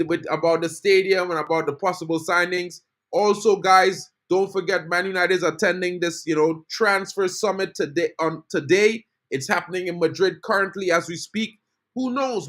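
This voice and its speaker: Hosting his football fan channel's live stream, this Trinidadian man chats casually, welcomes viewers in the chat, and keeps saying "bro." His voice sits high and sounds a bit bright.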